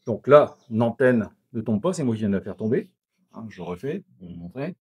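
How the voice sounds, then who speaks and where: A geobiologist doing an energy clearing walks from room to room indoors in a house, demonstrating on the spot and explaining each step to the camera. His voice is lowish, darkish and slightly rough, with big pitch swings at a normal speed. The recording is studio quality with no echo.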